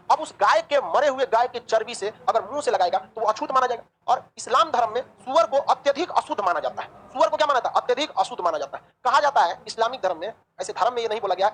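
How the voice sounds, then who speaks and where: Lady teaching history online, talks fast and husky, asks questions then answers them. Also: on the high side, rough recording. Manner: lively, joking, colloquial. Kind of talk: online class lecture.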